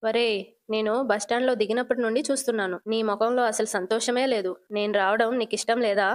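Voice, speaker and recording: A frank, doting elderly grandmother talks, read by a woman in her own voice. The pitch stays a little high, and the lines are delivered with no put-on age. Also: steady tone, fast talker, close to an everyday voice. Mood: concerned.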